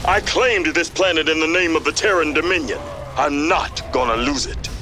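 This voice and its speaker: An actor playing an angry, determined human military commander in a video game, forcefully barking orders. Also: male voice, a little high, normal speed, natural voice. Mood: defiant. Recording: game audio under music. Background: game music and battle sounds.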